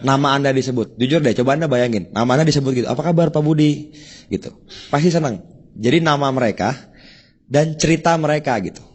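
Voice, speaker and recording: A man's voice: medium pitch, quick pace, slightly rough. A man giving a casual sales training talk who addresses his listeners directly and acts out short sample conversations. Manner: chatty, acts out sample dialogues. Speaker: network marketing trainer.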